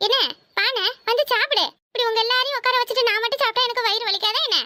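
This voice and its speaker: A woman's voice: extremely high pitch, pushed and bright, a little hiss or hum. A woman voicing a scheming, bossy young married woman in a cartoon, talking with a Kanyakumari Tamil accent. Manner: bossy, scolding, fast chatter. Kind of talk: cartoon voice acting.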